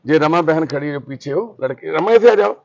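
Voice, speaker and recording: A man's voice: a little high, animated, brisk, creaky, a little mellow. Man, shelter volunteer, firm, earnest, dull recording. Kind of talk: counseling a family.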